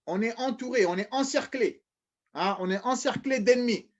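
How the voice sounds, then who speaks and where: A preacher with a very high-pitched voice gives a religious lecture at normal speed, repeating phrases, often restarting, and calling his listeners brothers and sisters. The recording is dull and lo-fi.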